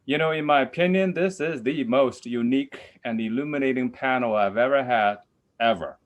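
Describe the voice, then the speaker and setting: A man's voice: mid-range voice, normal speed, highs cut off. A man on a webinar panel giving gracious, formal closing thanks. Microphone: video call.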